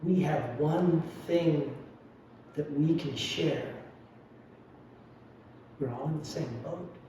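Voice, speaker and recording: A man's voice: on the high side, takes it slowly, warm tone, slight background noise. A man giving a dharma talk as a lay Buddhist speaker, reflective and confessional with wry humor. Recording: very echoey hall, mic at a distance.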